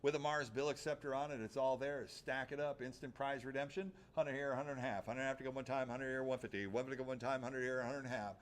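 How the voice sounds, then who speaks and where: A man runs a live auction as the auctioneer. He chants bids in a rhythmic patter, repeating numbers and stock phrases over and over. His pitch sits in an ordinary middle range for a man. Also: steady tone, quick pace, hardly any pauses.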